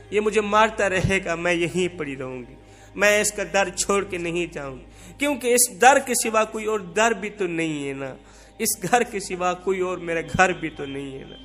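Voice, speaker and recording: A man's voice: high-pitched, a bit bright, faint music behind. A man voicing a humiliated wife who tearfully pleads her case in a sermon story. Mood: pleading, sorrowful. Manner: pleading, sorrowful.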